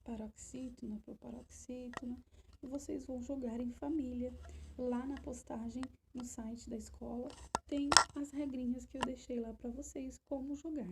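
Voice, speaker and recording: A woman's voice: sits high, steady tone, normal speed, vocal fry, heavy background noise. A woman with a Brazilian Portuguese accent teaching a remote lesson to primary school children, explaining step by step and asking questions.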